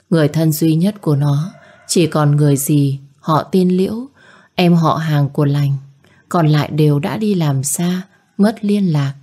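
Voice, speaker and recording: Woman, storybook narrator, low and warm, lifts her voice for characters. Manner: voices characters by raising pitch for shouted lines. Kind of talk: scripted narration.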